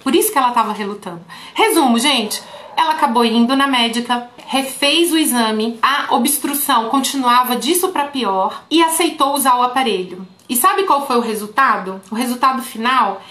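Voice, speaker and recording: A woman therapist with a slightly high voice coaches her colleagues in a relaxed, talky way, often turning to her viewers directly. The room around her is roomy and echoey. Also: moderate pace. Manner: talks straight to viewers, often saying "folks". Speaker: therapist teaching other therapists. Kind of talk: casual teaching through a patient story. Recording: roomy echo.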